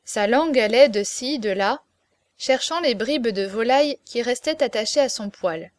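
A woman reads a classic novel aloud with lively, expressive storytelling. Her voice sits a little higher than most. The sound is dry and close, with no room echo. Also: moderate pace. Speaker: narrator. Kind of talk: audiobook reading of a classic novel.

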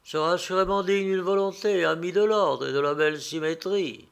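Un homme jouant un frère jardinier doux et calme. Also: male voice, high-pitched, normal speed, vocal fry, clear, resonant tone, pitched above the performer's own voice. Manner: mild, docile. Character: gentle, calm male monk gardener.

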